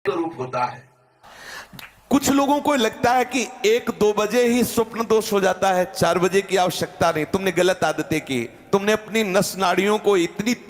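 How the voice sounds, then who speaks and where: A man giving spiritual advice in an admonishing tone. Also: high-pitched. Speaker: spiritual teacher. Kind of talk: advice talk. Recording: echoey hall.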